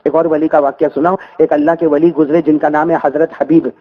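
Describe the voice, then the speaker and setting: A male preacher telling stories in a lively sermon, prompting the congregation to repeat after him. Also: a little high, phone-quality sound. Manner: animated call-and-response with the congregation. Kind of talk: sermon storytelling.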